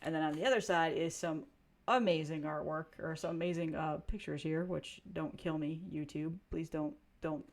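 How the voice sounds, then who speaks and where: This cassette-reviewing vlogger speaks to camera in a relaxed, rambling way, full of fillers and restarts. She has a low-pitched voice with vocal fry, fairly even intonation and a normal pace.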